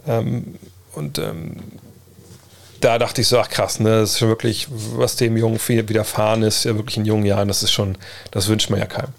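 His lowish, creaky voice comes with a flat delivery and a moderate pace. He's a livestream host and basketball podcaster, casually answering viewers' basketball questions in colloquial speech sprinkled with English slang and sports terms.

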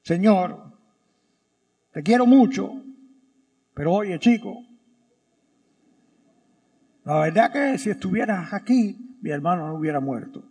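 A man voicing a gentle, affectionate grieving woman who speaks softly and familiarly. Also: high voice, expressive, slow, long pauses, big-room sound, full character voice. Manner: soft and familiar.

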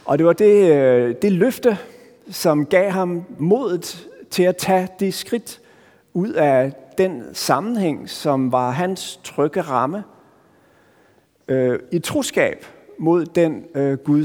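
A Danish man preaching a sermon as pastor, earnest and searching, often restarting phrases and pausing for emphasis. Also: fairly high pitch, a little mellow. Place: church. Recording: long church reverb.

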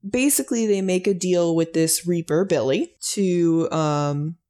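A woman's voice: fairly low pitch, unhurried, dark tone. Wry young woman recapping with a laugh. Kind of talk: casual fan chat.

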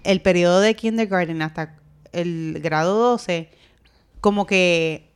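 A woman's voice: fairly low pitch, slow, smooth. A woman co-hosting a casual podcast chat, mixing English words into her Spanish as Spanglish. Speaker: podcast co-host.

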